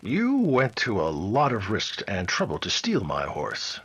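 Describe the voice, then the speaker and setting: An actor playing an upright, fearless Mountie sergeant in an old-time radio serial, firm and formal. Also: male voice, lowish voice, huge pitch swings, a little slow, fairly bright tone, breathy edge, lo-fi sound, heavily acted. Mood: calm, firm.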